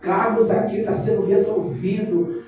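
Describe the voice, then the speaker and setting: A woman's voice: mid-range voice, steady tone, measured pace, mellow, distant mic. A woman with a Carioca accent preaches and prays with fervor, sliding into a chanted cadence and calling out for amens. Her voice reaches the mic from across a very echoey hall, with music playing underneath. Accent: Carioca Brazilian Portuguese. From Rio de Janeiro, Brazil. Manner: fervent, often chanting phrases, prompting "amen?" replies. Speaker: church leader closing a service. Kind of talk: sermon and closing prayer. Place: small church hall.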